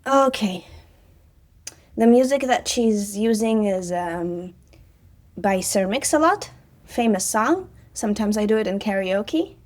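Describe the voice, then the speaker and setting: Chatting casually on her vlog, an Israeli personal trainer speaks slowly at a medium pitch with a somewhat dark tone and lively intonation. Her talk is full of fillers and sarcastic remarks.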